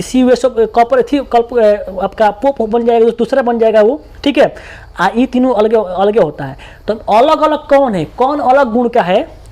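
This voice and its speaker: Male tutor, Bihari accent, rapid colloquial exam-prep lesson, repeats points to drill them. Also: very high voice, a little mellow.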